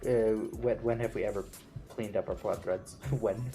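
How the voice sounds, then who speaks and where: A man with a fairly low voice who chats casually as a player in a tabletop role-playing podcast. He stammers often and repeats words as he warms up. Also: fairly even intonation, normal speed, faint music behind. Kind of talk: casual actual-play chat.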